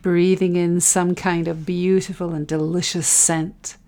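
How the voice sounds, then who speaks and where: A woman guiding a relaxation and breathing exercise in a soft, soothing, unhurried way, with phrases that trail into breathiness. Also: on the low side, level tone. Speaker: guided breathing meditation instructor. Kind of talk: guided relaxation meditation.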